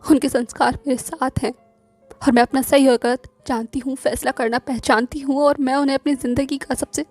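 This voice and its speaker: A woman's voice: high voice, darkish tone, natural voice. A woman voicing a young woman in love who pleads emotionally, as an audiobook character voice. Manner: emotional, pleading, teasing at times.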